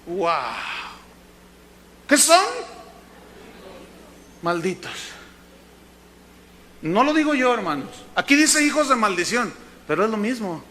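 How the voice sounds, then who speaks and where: A man preaching with a high, bright voice, acting out the people in his stories. He swings between quiet asides and sudden shouts. A faint background noise sits under the recording. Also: moderate pace, long pauses. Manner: lively, acts out dialogue with bursts of shouting. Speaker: pastor. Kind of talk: animated sermon.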